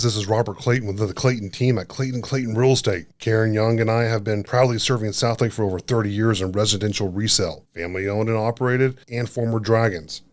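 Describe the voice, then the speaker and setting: A man reading a scripted advertisement as a realtor promoting his own company. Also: fairly low pitch. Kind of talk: scripted ad read.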